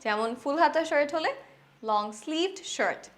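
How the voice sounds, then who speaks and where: Slow, clear woman teaching English words. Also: high-pitched, animated. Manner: explains in Bengali, repeats English phrases slowly and clearly. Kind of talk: vocabulary lesson.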